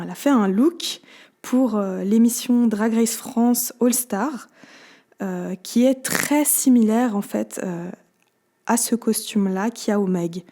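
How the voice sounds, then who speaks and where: A woman in her twenties from Switzerland, speaking as a podcast guest. Her voice is mellow and warm, set at a middle pitch. She talks haltingly, filling her pauses as she thinks. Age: 20s. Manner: hesitant, many fillers. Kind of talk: conversational interview.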